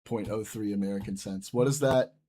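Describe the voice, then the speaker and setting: A young man hosts a live stream, reading chat and bantering loosely with viewers while swearing often. His voice sits on the low side, brisk and mellow.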